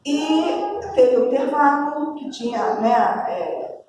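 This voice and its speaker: A Brazilian woman pastor preaching a sermon, telling a story with lively acted-out dialogue. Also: sits high, slow pace, a little hiss or hum. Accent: Brazilian Portuguese. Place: church hall. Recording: echoey church hall, distant mic.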